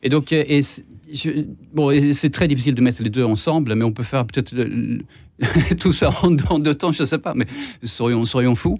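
A man's voice: mid-range voice, normal speed, a little mellow, no echo, clean studio sound. A man with a Swedish accent speaking as a guest on a political debate panel, hesitant, stumbling over repeated words and restarts. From Sweden.

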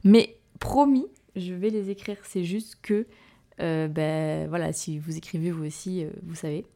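Chatty, hesitant woman with a warm low voice. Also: steady tone, normal speed, gravelly. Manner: hesitant, full of "euh" fillers and restarts; chatty, self-mocking, laughs at herself. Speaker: podcast host and novelist. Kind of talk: casual solo podcast chat.

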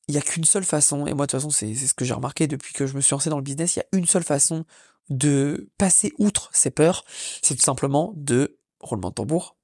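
A man's voice: on the high side, darkish tone, no room sound, studio quality. A French man hosting his own podcast, talking casually and energetically on his own with many fillers and restarts. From France. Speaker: podcast host. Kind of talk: casual solo podcast monologue. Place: lives in Orlando.

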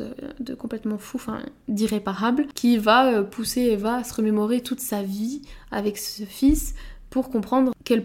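Woman podcasting, kinda high mellow voice, lots of pauses and restarts. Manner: thoughtful, many hesitations and restarts. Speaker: podcast host. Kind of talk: casual podcast monologue.

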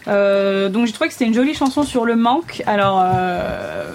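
A woman's voice: medium pitch, expressive, moderate pace, darkish tone, slight background noise. A woman on a music show panel, chatting casually about a song in a chatty, self-mocking way and laughing easily. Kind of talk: casual chat.

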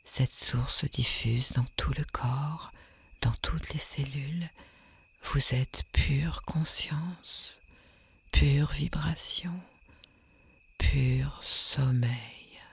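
A woman leading a guided sleep meditation in a soft, soothing, breathy whisper with long hypnotic pauses. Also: extremely low pitch.

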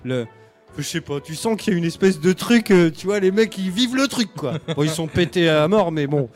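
Animated slangy man telling a trip. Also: sits high, fairly quick, soft background music. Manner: animated, slangy, acts out people he met. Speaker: podcast host telling a road trip. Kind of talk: casual storytelling chat.

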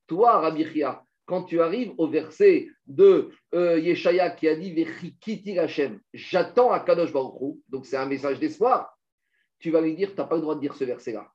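A man teaching a Talmud study class, explaining with lively energy and weaving in quoted Hebrew and Aramaic phrases. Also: on the high side, moderate pace. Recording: muffled lo-fi recording.

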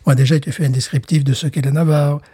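A man co-hosting a podcast in a relaxed, conversational way. His voice is somewhat high but mellow, and it sounds close and dry. He rambles and stumbles over repeated words as he goes. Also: fast talker, husky, no room sound. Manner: rambling, repeats words while searching for them. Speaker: podcast co-host. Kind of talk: casual chat.

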